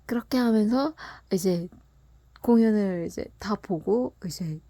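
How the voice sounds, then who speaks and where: A woman telling a personal story in a casual, soft, half-whispered way, often breaking into laughs. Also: mid-range voice, measured pace, no room sound. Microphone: close mic, voice only.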